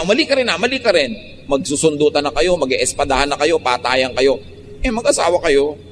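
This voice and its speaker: A man with a Filipino accent preaching a sermon, moving between calm low emphasis and sudden high animated bursts. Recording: long hall reverb, faint background noise.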